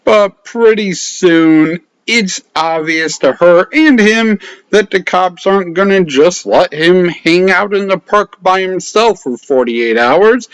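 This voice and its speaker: Sarcastic, slow-talking male film reviewer. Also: sits high, dry recording, poor audio. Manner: sarcastic and profane. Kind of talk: casual comedic movie review narration.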